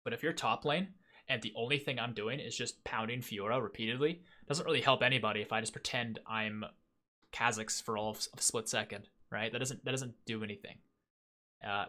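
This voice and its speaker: A man's voice: mid-range voice, sharp tone. A young man hosting a gaming channel, chatting casually and self-critically through a post-game review with lots of fillers. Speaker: gaming video host.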